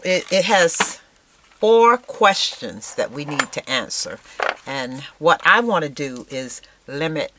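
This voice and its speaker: Low-voiced sixty-year-old woman chatting. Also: slight background noise. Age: 60s. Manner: chatty, warm, frequent fillers and repeated "yes". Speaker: craft vlogger. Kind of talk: casual chat while crafting. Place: indoors at a cluttered craft table.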